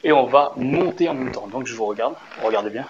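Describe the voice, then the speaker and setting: This dance instructor has a mid-range voice and lively intonation, and he guides his audience through the routine step by step while calling out the counts. Upbeat and encouraging, he often pauses to ask brief check-in questions. It's a relaxed tutorial, recorded with slightly muffled sound and a soft hum of room noise.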